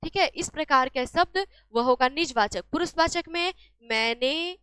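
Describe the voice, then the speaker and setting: High-voiced woman teaching exam answers. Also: animated, measured pace, sharp tone, dry recording. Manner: asks a question then answers it herself. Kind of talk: exam-solution lesson.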